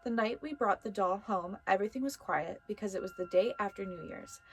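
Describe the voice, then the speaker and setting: A woman's voice: medium pitch, lively intonation, brisk, soft background music. A woman hosting a casual, chatty video where she reads stories and talks playfully to viewers and the things around her. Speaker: host of a haunted doll story video. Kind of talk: casual chatty vlog with story reading.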